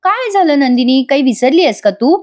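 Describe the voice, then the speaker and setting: A woman's voice: high-pitched, lively intonation, brisk. A woman voicing a tender young husband who coaxes and pleads with his wife. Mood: coaxing. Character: affectionate young husband, gentle and persistent.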